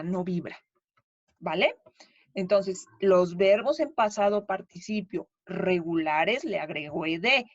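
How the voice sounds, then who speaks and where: An English teacher with a Mexican Spanish accent explains pronunciation to her class, patient and chatty, checking in with her students often. Her medium-pitched voice comes through a dry, lo-fi recording.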